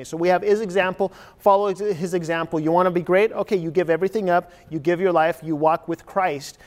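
The voice sits high and carries a large-room resonance: a Chilean-raised pastor in his forties. He keeps his sermon heartfelt and chatty, posing question after rhetorical question.

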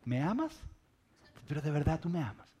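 Figure: a man doing a wheedling, dramatic young woman. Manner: pouting, coaxing, pleading. Pitch: fairly high. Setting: sermon storytelling. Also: huge pitch swings, moderate pace, dark tone, slightly rough, full character voice. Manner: pleading and sulky, bursting into shrill alarm cries.

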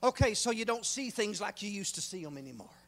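A preacher man, delivering a folksy sermon that swings from hushed talk to shouting. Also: high voice, big pitch swings. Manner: fervent, swings from hushed to shouting, drawn-out emphasis; folksy, frequent "uh" fillers.

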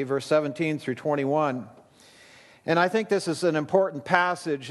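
A man's voice: fairly high pitch, in a large hall. A man in his fifties, a pastor, delivering a conversational sermon at a pulpit microphone in a church, with easy asides.

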